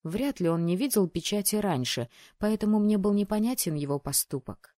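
A woman reading a first-person novel aloud in an expressive, measured way. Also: mid-range voice, no echo, studio quality. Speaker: audiobook reader.

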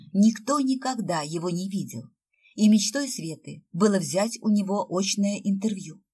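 A woman reading a story aloud as narrator, in a lively storytelling manner. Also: mid-range voice, husky. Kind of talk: audiobook narration.

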